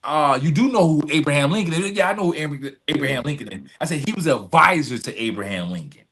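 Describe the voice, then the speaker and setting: A middle-aged man, a nonprofit executive director appearing as a podcast guest, tells stories conversationally in a fairly high, fairly bright voice. He talks fast and expressively, earnest and emphatic, repeating phrases and often checking in with "right?".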